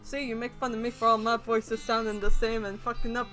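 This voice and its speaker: A woman with a fairly high voice steers a casual game stream, deciding where to go next, joking and swearing offhandedly. Game music runs underneath her. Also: flat delivery, a little fast, a bit bright. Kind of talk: casual let's-play chat.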